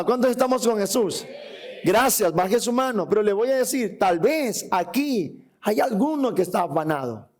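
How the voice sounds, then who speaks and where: A man preaching a sermon to a church congregation. He reads scripture aloud and puts questions to the listeners. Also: high-pitched. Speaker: pastor. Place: church hall before a congregation.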